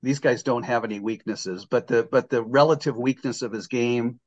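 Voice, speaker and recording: A man's voice: mid-range voice, steady tone, moderate pace, lo-fi sound. An older man hosting a casual sports podcast, jokey and rambling, with lots of restarts. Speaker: podcast host.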